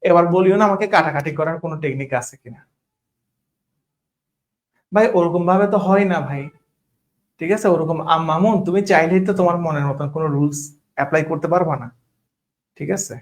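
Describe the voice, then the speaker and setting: A man's voice: on the high side, a little fast, pauses often. A man tutoring math, talking casually, often checking if students understand and mixing in English words. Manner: mixes English words into speech. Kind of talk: online class teaching.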